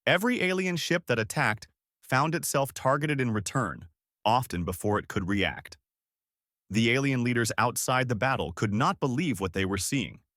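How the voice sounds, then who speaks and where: A man narrating a science-fiction story in a lively, dramatic way. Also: mid-range voice, no room sound, studio quality. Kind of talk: scripted sci-fi story narration.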